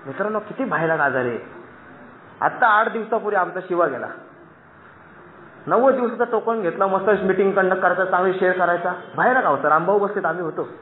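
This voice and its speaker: A recovery meeting speaker, a Maharashtrian man in his thirties, addresses the gathering from a dais with an earnest, forceful personal testimony and frequent shout-outs to his friends. His voice sits high and runs a little fast. The audio is echoey and phone-like, with a bit of hiss or hum.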